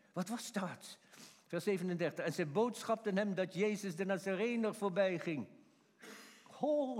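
Man preaching, folksy and emphatic, high voice, long hall echo. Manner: emphatic, folksy, acts out shouted quotes. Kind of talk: sermon.

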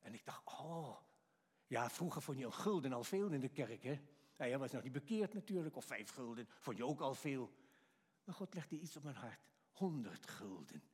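A man preaching a sermon to a congregation, animated, acting out quotes and chuckling between lines. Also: mid-range voice, normal speed, breathy edge. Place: church. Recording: long reverb of a church hall.

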